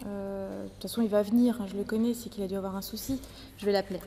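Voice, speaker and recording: A woman playing a brisk, accommodating production manager on a film set. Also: medium pitch, steady tone, crowd noise, natural voice. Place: large warehouse film set. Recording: echoey hall with faint noise.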